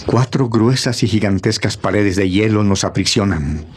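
An actor playing a noble, grave hero in an old radio serial, speaking in a solemn, formal, theatrical way. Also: male voice, on the low side, normal speed, a little hiss or hum, close to an everyday voice. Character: noble, grave adult male hero, calm and defiant.

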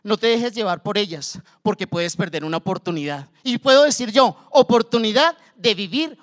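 A man with a Colombian accent telling a personal story from his days selling cars, in an animated way. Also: high-pitched, normal speed. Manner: lively, animated retelling, acts out the scene. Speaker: former car salesman telling his story.

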